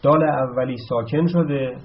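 A man's voice: mid-range voice, steady tone. Man teaching grammar, lo-fi recording. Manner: explains step by step, asks and answers his own questions; slows down to spell out verb forms. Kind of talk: Arabic grammar lesson. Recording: slightly dull, lo-fi recording.

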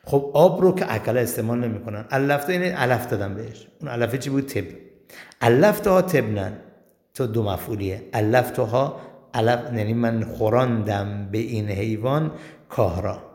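A man's voice: mid-range voice, lively intonation, a little mellow. A male teacher giving a grammar lesson, explaining step by step and asking and answering his own questions. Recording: long reverb in a hall.

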